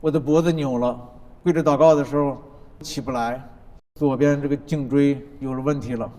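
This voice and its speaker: A man preaching a sermon as pastor, building points through rhythmic repetition and dropping from loud declarations to soft, low asides. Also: fairly even intonation, normal speed. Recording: long reverb of a large hall.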